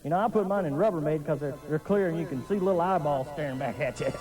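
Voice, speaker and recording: A man's voice: on the high side, fast talker, music in the background, lightly acted. A man playing a goofy, dim-witted, lecherous sidekick in campy horror host comedy, with silly wisecracking patter.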